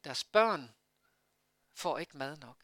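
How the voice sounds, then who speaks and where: A man preaching a sermon in a conversational way, asking his listeners rhetorical questions and pausing often on fillers. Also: on the high side, expressive, sharp tone, dry recording.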